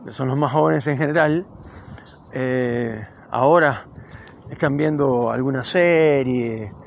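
A man's voice: medium pitch, slow, gravelly, a little hiss or hum. A man from Cuba hosting his own podcast, improvising a loose, rambling monologue while walking outdoors on a city street. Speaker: podcast host. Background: passing cars.

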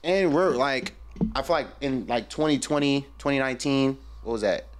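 A man's voice: mid-range voice, normal speed. A man in his early twenties chatting casually as a podcast co-host, rambling with lots of fillers. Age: 20s. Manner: rambling, filler-heavy, restarts often. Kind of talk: casual chat.

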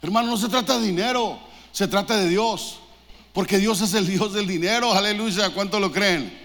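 A man's voice: sits high, moderate pace, a bit bright, big-room sound. A man preaching a sermon as pastor, fervent and exhorting, throwing questions to the congregation. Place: church.

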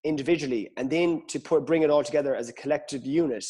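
A man's voice: a little high, fast, dark tone, husky. A man chatting about sport as a podcast guest, hesitant and often repeating words as he thinks aloud. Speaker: podcast guest, Gaelic football pundit. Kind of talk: casual sports discussion.

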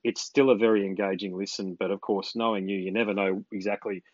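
Low-voiced, matey Australian man interviewing. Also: fairly even intonation, a little fast, no echo, muffled recording. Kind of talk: casual phone interview.

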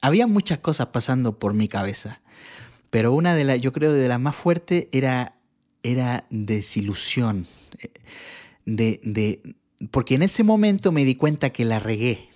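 Man, from Chile, church bassist, casual storytelling, acts out quoted people, middle pitch. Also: very animated, unhurried, a little mellow. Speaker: guest sharing his testimony; church bass player.

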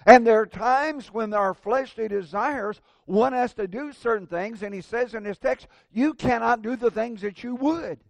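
A man preaching a sermon at a pulpit microphone, earnest and measured, slowing down to stress key words. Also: very high voice, creaky, no room sound.

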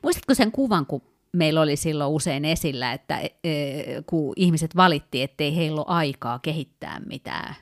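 A woman's voice: low-pitched, animated. A woman co-hosting a casual talk, explaining ideas step by step with many fillers and small restarts. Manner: thoughtful, with frequent fillers and restarts; explanatory, walks through work examples. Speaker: podcast co-host. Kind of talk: casual conversational podcast.

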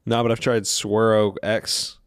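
Male podcast co-host, hungover, blunt and sweary, lowish voice, casual chat. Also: level tone, measured pace, slight background noise. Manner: blunt, profane.

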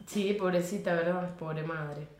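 A woman with a Venezuelan accent, co-hosting a podcast and telling legends in a lively, slangy, casual way. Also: on the low side, unhurried, reverberant. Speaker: podcast co-host.

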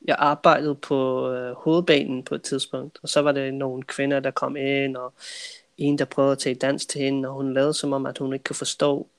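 Male host, even monotone, dry close sound, relaxed recaps. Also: mid-range voice, gravelly, clean tone, no room sound. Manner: even-toned, recaps in English. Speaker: podcast host and translator. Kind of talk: relaxed podcast conversation.

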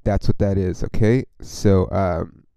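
A man's voice: low voice, takes it slowly, vocal fry, mellow, clean tone, dry recording, poor audio. A man hosting a casual solo sports podcast, rambling and swearing with lots of fillers as a frustrated fan. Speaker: podcast host.

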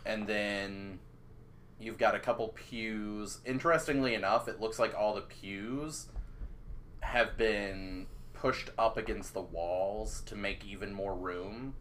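A man narrating as game master of a tabletop role-playing game, describing scenes in a measured, drawn-out way. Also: on the low side, fairly even intonation, fairly bright tone, a little hiss or hum.

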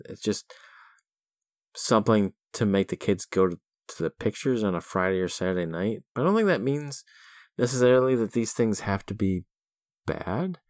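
Podcast co-host, middle-aged man, low-pitched, wry and chuckly, stop-start phrasing, dry studio mic. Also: no echo. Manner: chuckling, hesitant restarts, wry. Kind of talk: casual chat about a film.

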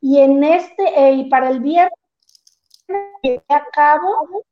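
A high-voiced woman speaks over a video call whose audio keeps glitching and cutting out. She talks haltingly and pauses on fillers. The sound is dull and lo-fi. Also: soft background music. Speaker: interview guest, art teacher.

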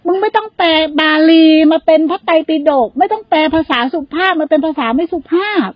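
A high-pitched woman speaking as a Buddhist nun, teaching in blunt, crude everyday language. She keeps pressing her listeners with questions to make each point land. The recording is dry and a little dull. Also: a little fast, dry recording. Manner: blunt and coarse, uses crude familiar pronouns; keeps asking rhetorical questions. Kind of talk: conversational dharma talk.

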